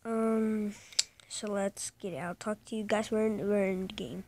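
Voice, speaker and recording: Female gaming host, unhurried and hesitant, dark gravelly voice. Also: mid-range voice, steady tone, slight background noise. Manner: rambling, hesitant, many ums; hushed at times so as not to wake someone. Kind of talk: casual game commentary.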